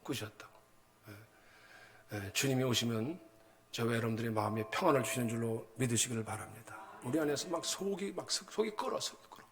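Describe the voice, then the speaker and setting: Fairly quick and medium-pitched, this male pastor delivers an animated, colloquial sermon. He prompts the congregation with frequent short asides and acts out everyday stories using sound words.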